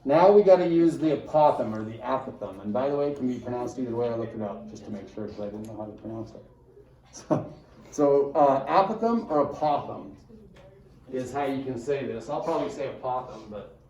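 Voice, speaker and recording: A man's voice: medium pitch, fast, dark tone. A male math teacher giving a casual classroom lecture and checking in with the class often. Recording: echoey room, mic far off.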